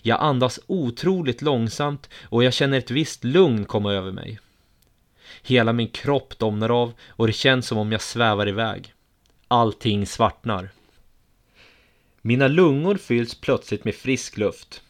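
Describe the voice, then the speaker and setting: A man reading a first-person story aloud in a steady, measured way. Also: mid-range voice.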